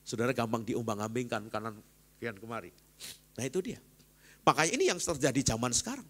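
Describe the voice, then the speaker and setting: Seorang pendeta pria berkhotbah dengan semangat, suaranya naik keras saat menekankan poin dan turun lebih rendah saat menirukan orang lain. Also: male voice, fairly quick. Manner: lively preaching with loud rises, acts out quoted voices in a lower tone. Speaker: pastor. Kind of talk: sermon. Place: church service.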